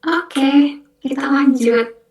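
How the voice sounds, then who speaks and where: Young woman tutor, higher voice, super slow and patient, repeats every word, kinda echoey room. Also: darkish tone. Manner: slow, patient explanations, repeating words carefully. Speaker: French language mentor. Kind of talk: online beginner language lesson.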